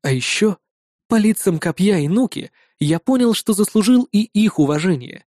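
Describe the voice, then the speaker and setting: A man narrating a fantasy audiobook in the first person, lively and wry. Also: sits high, moderate pace, dry recording, studio quality.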